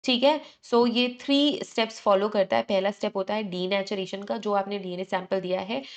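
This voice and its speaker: Female lecturer running a fast exam revision class, stopping to check in and fix slips. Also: medium pitch, steady tone. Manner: brisk, repeats "ठीक है" to check in, self-correcting; mixes English terms into Hindi explanation. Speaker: teacher.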